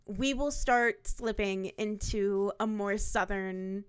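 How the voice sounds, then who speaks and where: A woman's voice: medium pitch, slow, smooth. A woman in her twenties from Ohio, chatting casually on a stream with many fillers. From Ohio, USA. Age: 20s. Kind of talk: casual chat.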